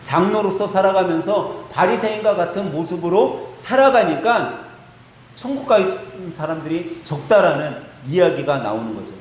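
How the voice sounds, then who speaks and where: A man's voice: sits high, expressive, moderate pace, slight background noise. A male pastor preaching a sermon, emphatic, telling a story and putting rhetorical questions to the congregation. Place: church sanctuary. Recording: echoey church hall, slightly dull sound.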